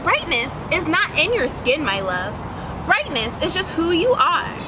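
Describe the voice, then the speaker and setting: A woman plays a tender storybook mother, comforting and reassuring. The voice is high with lively swoops, over clear background noise. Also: a little slow, full character voice.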